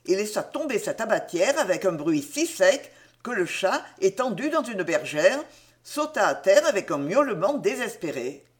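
A woman narrating a classic novel in an expressive storytelling voice. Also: mid-range voice, moderate pace.

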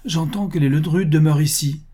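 A man's voice: fairly high pitch, fairly quick, mellow, pitched above the performer's own voice, lightly acted. A male narrator voicing a jealous, domineering count who speaks angrily. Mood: angry command. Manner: angry, domineering. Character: jealous, furious middle-aged count.

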